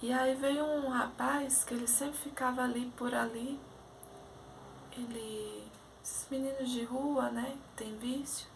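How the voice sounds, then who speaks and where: A high-pitched woman preaches her own testimony with fervent emotion. Her voice carries a gravelly fry at the edges of phrases. She swings between raised, pleading lines and soft, hushed whispers, with faint noise in the background. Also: steady tone, slow pace. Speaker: lay preacher sharing testimony.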